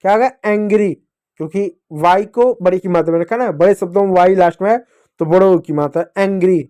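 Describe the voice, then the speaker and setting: High-voiced man teaching kids phonics. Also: dark tone. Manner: slow, syllable-by-syllable spelling out of words; addresses children fondly as dear kids. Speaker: English teacher for children.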